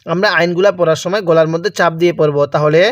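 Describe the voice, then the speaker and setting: In a slow recitation lesson, a man with a Bangladeshi Bengali accent teaches Arabic letter reading, drilling syllables one by one and repeating each for his learner. His voice is on the high side with fairly even intonation, and he talks fast. The recording is dry, with clean studio sound.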